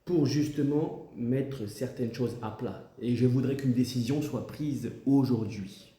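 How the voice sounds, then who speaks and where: A man's voice: medium pitch, unhurried, warm tone, reverberant, close to an everyday voice. A man playing a stern, pompous president in a comic sketch, insinuating and mock-diplomatic as he scolds and threatens. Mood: indignant, pompous.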